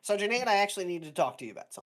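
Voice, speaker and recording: A woman's voice: mid-range voice, sing-song, rapid-fire, pitched above the performer's own voice, close to an everyday voice. A woman voicing a polite, earnest male lieutenant in a tabletop game, speaking formally. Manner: formal, courteous.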